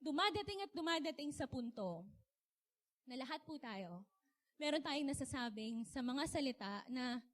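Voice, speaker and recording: A young woman from the Philippines giving a chatty, animated sermon, laughing often and asking her audience questions. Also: high voice, moderate pace. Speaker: speaker. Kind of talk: casual sermon talk.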